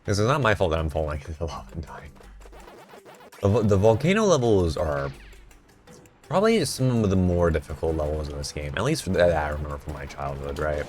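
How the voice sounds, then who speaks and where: A man's voice: extremely low pitch, sing-song, a little fast, a little mellow, soft background music. A man streaming a game, rambling and mocking himself in casual chat at a desk mic. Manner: self-mocking, rambling, jokey.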